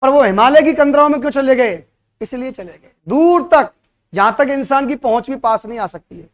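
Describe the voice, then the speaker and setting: High-voiced man lecturing students. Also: animated, moderate pace. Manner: lecturing with frequent rhetorical questions to the class. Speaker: coaching teacher. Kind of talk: motivational classroom talk to students.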